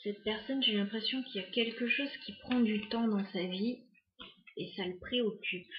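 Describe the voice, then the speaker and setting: A woman talks her viewers through a tarot spread in a loose, hesitant way, musing and pausing often between thoughts. Her voice echoes around the room, and the recording sounds slightly muffled. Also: mid-range voice. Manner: hesitant, musing, many fillers. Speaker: tarot card reader. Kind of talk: casual tarot reading to camera.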